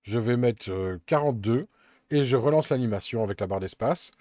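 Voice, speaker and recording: A man walks through a software tutorial step by step, calm and methodical. His voice is dark and mellow, and the recording is dry and close with no room sound. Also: medium pitch, normal speed, no room sound. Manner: calm, methodical step-by-step explaining with occasional fillers. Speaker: Blender tutorial instructor.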